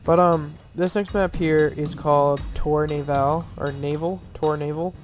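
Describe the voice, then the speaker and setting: Over gameplay, a male map reviewer with a stuffy, nasal voice rambles through casual commentary, packed with fillers, restarts, and self-corrections. His pitch is on the high side, his tone steady, his pace measured. Faint music plays in the background.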